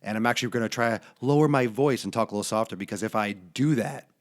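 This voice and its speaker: A man with a hoarse, failing voice hosting a casual fitness livestream in a brash, profane, jokey way. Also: fairly low pitch, fast talker. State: hoarse, losing his voice from being sick. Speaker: fitness show host.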